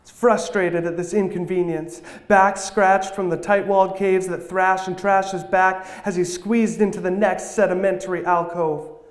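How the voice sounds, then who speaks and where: A man's voice: sits high, little pitch movement, normal speed, roomy sound. A man giving a sermon in the form of spoken word poetry, with a rhythmic, rhyming slam delivery. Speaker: church speaker. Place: church hall.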